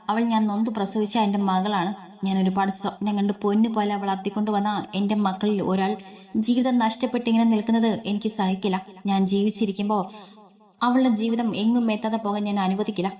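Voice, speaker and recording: A woman's voice: medium pitch, dark tone, close to an everyday voice. A woman voicing a proud, stubborn middle-aged mother who speaks firmly and resolutely. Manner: firm, resolute.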